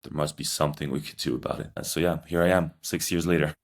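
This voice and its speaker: A young man from Switzerland, a startup founder, answering podcast interview questions in a measured, explanatory way. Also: very deep voice, little pitch movement. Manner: measured, explanatory, occasional fillers.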